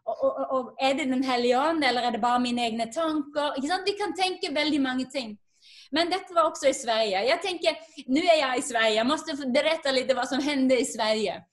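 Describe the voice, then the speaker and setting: A woman, a guest earnestly telling a personal faith story and acting out the dialogue. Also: sits high.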